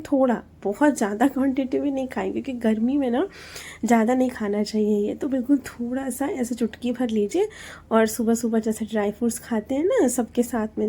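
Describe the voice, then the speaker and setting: A woman in her thirties with a Hindi accent narrates her household routine as a casual voice-over. Her voice sits a little high but sounds soft and mellow. She chats along easily and explains each step with plenty of fillers. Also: slightly rough. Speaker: homemaker vlogger.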